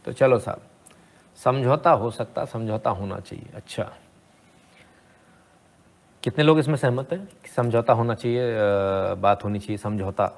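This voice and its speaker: Man, commentator, gravelly voice, middle pitch, sarcastic, rhetorical, opinionated commentary. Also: measured pace, pauses often. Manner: sarcastic, rhetorical, asks "hmm?" to the viewer. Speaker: commentator reacting to debate clips.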